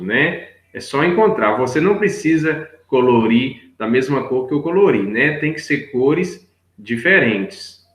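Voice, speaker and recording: A man's voice: medium pitch, a bit bright. A male teacher patiently going over worksheet answers for young children step by step, often checking in with his listeners. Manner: patient, step-by-step, checks in with 'right?' and 'look here'. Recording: echoey room.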